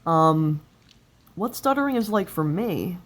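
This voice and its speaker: Halting young woman with a slight stutter. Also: lowish voice, expressive. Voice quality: occasional stutter. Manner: halting, broken-up phrases with pauses. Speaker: person sharing experience of stuttering in a video. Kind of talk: personal confessional talk. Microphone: cell phone. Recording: noisy cell phone recording.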